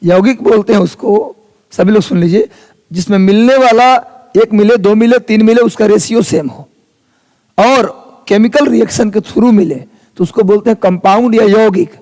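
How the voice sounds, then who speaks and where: A man's voice: high-pitched, moderate pace, darkish tone. A man, teaching a live class in a casual chatty way and teasing his students. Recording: long reverb of a hall.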